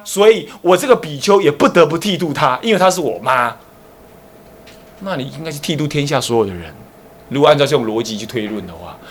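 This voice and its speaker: A man with a Taiwanese Mandarin accent, a Buddhist abbot giving a dharma lecture and acting out the dialogue in his stories. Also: high-pitched. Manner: animated storytelling, acting out dialogue between characters. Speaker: Buddhist abbot teaching a class.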